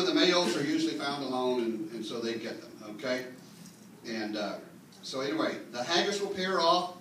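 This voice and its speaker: A man with a mid-range, fairly bright voice reads a tongue-in-cheek mock history to a clan meeting, explaining with mock earnestness and folksy asides. The live audience sits in an indoor meeting room, and the recording is very echoey, with a distant mic and faint noise.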